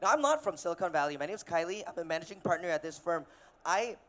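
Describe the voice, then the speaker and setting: A man in his thirties from Malaysia, giving a casual, energetic keynote on a conference stage with filler words and restarts. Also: fairly high pitch, quick pace. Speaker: keynote speaker, investor. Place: conference stage before an audience.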